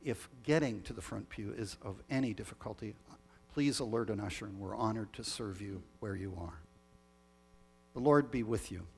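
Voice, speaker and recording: A male pastor leading a communion liturgy in a measured, solemn way, heard with a long cathedral-like echo. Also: lowish voice, creaky, a little mellow, husky. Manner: measured, solemn liturgical reading with small restarts. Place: church sanctuary. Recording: long reverb of a large church.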